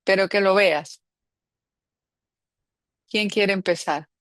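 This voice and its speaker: A woman's voice: mid-range voice, takes it slowly, fairly bright tone, no echo. A woman leading a spiritual group session, talking in a reflective, playful way and laughing often. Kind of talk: guiding a group meditation talk.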